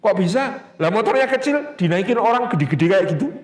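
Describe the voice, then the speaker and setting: Brief: preacher playing a joking gossipy neighbor woman, Javanese-tinged Indonesian, raised pitch, echoey. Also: expressive, fairly quick. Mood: teasing. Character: teasing chatty neighbor woman.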